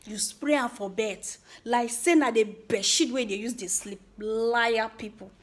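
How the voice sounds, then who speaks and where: A woman's voice: fairly high pitch, unhurried. A woman with a Nigerian accent speaks Nigerian Pidgin in an informal, emphatic rant to viewers, teasing and repeating words for effect. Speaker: vlogger giving social commentary.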